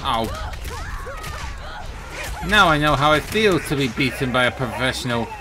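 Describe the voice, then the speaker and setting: Playing a fighting game, this male gaming channel host offers relaxed commentary, making self-deprecating remarks and reacting with surprise to each moment. He speaks unhurriedly in a mid-range voice full of lively inflection. Music from the game runs behind him.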